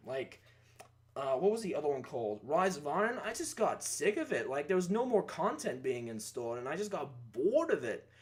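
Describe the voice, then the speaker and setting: A young man giving a rambling, casual opinion rant about a video game, swearing and breaking into outbursts. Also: high voice. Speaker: gaming YouTuber.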